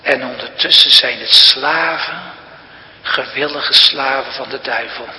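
Brief: male preacher, slow and deliberate, bright, ringing tone, emphatic storytelling sermon, church reverb. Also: medium pitch. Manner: emphatic storytelling preaching, addressing congregation and children. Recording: long reverb of a church hall.

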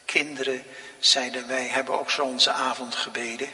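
A male pastor preaching a sermon, slow and dramatic, swinging from near whispers to loud exclamations. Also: medium pitch, flat delivery. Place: church. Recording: long reverb of a large hall.

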